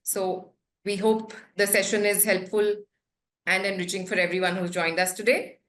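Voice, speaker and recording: A woman's voice: medium pitch, fairly even intonation, moderate pace, fairly bright tone, slight background noise. A woman with a polished Indian accent hosts a formal webinar, presenting scripted material in a courteous manner. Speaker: webinar host, head of academics. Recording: echoey room sound.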